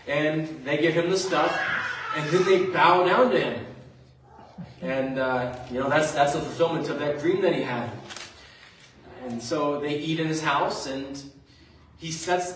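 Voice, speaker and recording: A man's voice: fairly high pitch, slight background noise. A man preaching a sermon, retelling a story in a conversational way with fillers. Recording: very echoey room, mic far off.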